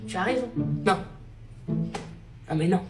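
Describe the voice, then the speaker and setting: A woman in a comedy sketch, flattering and giggly. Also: fairly low pitch, unhurried, far from the mic. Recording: roomy with loud music.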